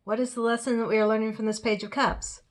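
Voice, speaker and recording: A woman's voice: a little high, flat delivery, quick pace. A woman giving a spoken tarot reading with firm, direct advice. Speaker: tarot reader.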